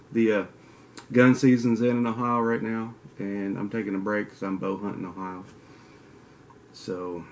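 A man in his forties with a Kentucky Southern drawl, his voice lowish and gravelly, rambles casually to a desk webcam and trades teasing trash talk. He hosts an outdoors channel and is shooting a casual vlog in a den with mounted antlers, with slight background noise.

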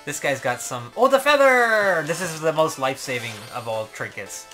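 Excitable man playing games, loud music behind. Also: on the high side, normal speed. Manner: joking, sweary, excitable. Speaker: let's play host and player. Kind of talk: casual gaming commentary.

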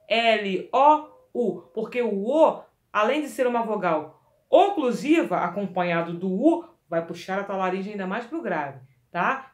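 A woman singing teacher leads a lively vocal lesson, coaching the listener directly and demonstrating exercises. Her voice sits in the mid-range, and the room is echoey.

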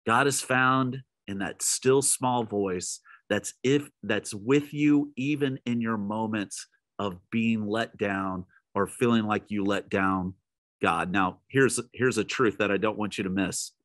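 Dry-voiced pastor retelling a story. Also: male voice, slow pace, no echo. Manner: storytelling, drops to a soft low voice for emphasis; speaks straight to listeners. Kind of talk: midweek sermon.

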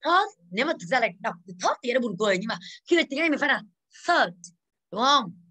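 A woman in her thirties from Vietnam, teaching English in a classroom with a high, bright voice. She moves briskly through exercises, calling on students by name and drilling their pronunciation. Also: sing-song.

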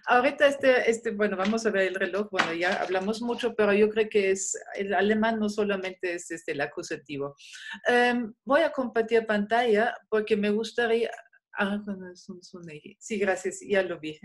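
Chatty woman teaching online. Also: mid-range voice. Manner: relaxed, frequent fillers, slow modelling of German sounds. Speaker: German teacher. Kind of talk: online class. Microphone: video call.

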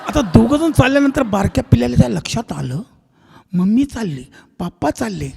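Male stage comic from Maharashtra, high voice, lively storyteller, hall reverb. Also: fairly quick, vocal fry, breathy edge. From Nanded, Maharashtra. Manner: animated, acts out voices and sounds. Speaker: comedian and shahir.

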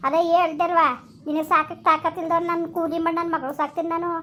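A woman's voice: very high voice, little pitch movement, fast talker, sharp tone, slight background noise. A woman acting in a village comedy skit, scolding and cursing a husband in repetitive angry rants. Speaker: angry mother and wife in a skit.

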